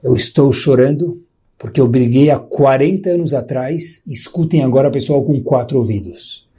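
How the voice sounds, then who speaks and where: A man with a Brazilian Portuguese accent gives a sermon as a religious teacher, telling a story and swinging his voice high and low, slowing down for emphasis. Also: warm tone, husky.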